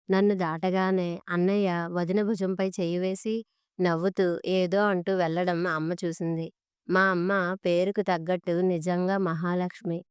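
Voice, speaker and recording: A woman narrates a family drama in an even, measured way. Her voice sits a little low and stays quite flat. The recording is very clear and dry, with no room sound. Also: no echo. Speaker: story narrator. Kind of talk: scripted narration.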